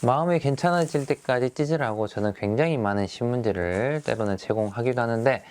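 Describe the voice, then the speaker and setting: A man's voice: mid-range voice, brisk, noisy background. A middle-aged male teacher who talks through classroom activities in a friendly, explaining way, often starting with fillers.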